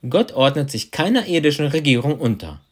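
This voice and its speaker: A man interprets a sermon phrase by phrase, following right behind the preacher. His delivery is animated, with pitch moving up and down freely. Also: fairly quick, slightly rough. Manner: renders each phrase right after the preacher.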